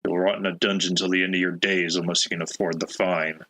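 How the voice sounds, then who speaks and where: A man's voice: deep voice, little pitch movement, fast talker, pushed and bright, heavily acted. A man voicing a stern, threatening male guard officer who talks in a sneering way. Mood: menacing. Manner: menacing, sneering.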